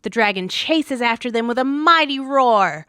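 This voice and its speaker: A woman's voice: fairly high pitch, lively intonation, normal speed, background noise. A woman hosting a story show, reading a scripted narration of a tabletop adventure in a wry, dramatic way. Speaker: story podcast host.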